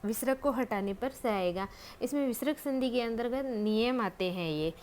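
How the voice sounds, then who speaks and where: A woman giving a Hindi spelling lesson, speaking patiently and deliberately and pausing often to think. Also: fairly high pitch, a little mellow, slight background noise. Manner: patient, deliberate, many drawn-out hesitations. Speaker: Hindi grammar teacher.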